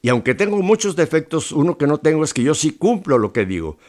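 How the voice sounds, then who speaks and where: A man's voice: fairly high pitch, big pitch swings, fast, darkish tone. Chatty Mexican-born male radio host. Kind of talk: casual radio chat.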